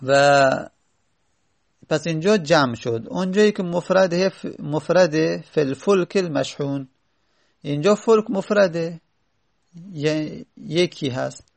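Male teacher with a gravelly, somewhat high voice, reading a text and then patiently explaining it. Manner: reads an Arabic text aloud, then explains it slowly with many pauses and fillers. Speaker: Arabic grammar teacher. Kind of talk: classroom lesson explaining Arabic morphology.

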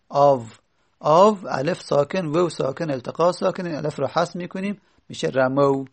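A man's voice: fairly high pitch, gravelly. A male teacher explaining Arabic grammar step by step, repeating word forms aloud.

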